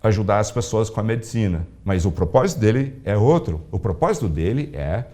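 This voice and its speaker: A man preaching a sermon as a pastor, telling a story with animated, acted-out dialogue. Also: brisk. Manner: animated storytelling, acting out dialogue with big pitch swings.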